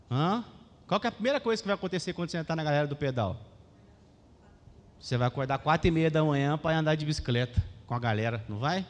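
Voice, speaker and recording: A young Brazilian man preaching a sermon as pastor, animated and questioning the congregation. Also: fairly high pitch. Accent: Brazilian Portuguese. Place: church hall. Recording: long church hall reverb.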